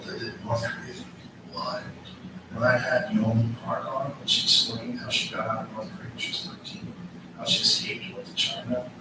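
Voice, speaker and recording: A man's voice: medium pitch, very echoey, distant mic, noisy background. A man hosting a casual podcast chat, ranting emphatically and swearing often. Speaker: podcast host.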